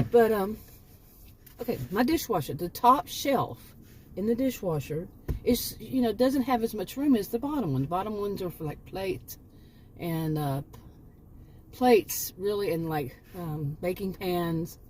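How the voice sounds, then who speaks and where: A woman's voice: medium pitch, lively intonation, measured pace, slight background noise. A woman in her late fifties chatting casually in a rambling vlog, often correcting herself and chuckling at her own asides. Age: 50s. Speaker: homemaking vlogger.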